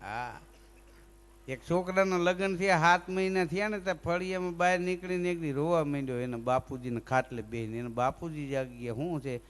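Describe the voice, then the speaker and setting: A man telling comic folk stories, animated and mimicking characters with stammers and snatches of song. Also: a little high, fairly quick, in a large hall, slight background noise. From Gujarat, India. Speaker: folk storyteller and humorist.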